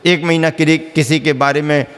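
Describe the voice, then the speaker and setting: A man giving a sermon as a monk preacher, speaking slowly and deliberately, repeating key phrases and posing questions he then answers himself. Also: on the high side, fairly even intonation, fairly bright tone, long reverb tail.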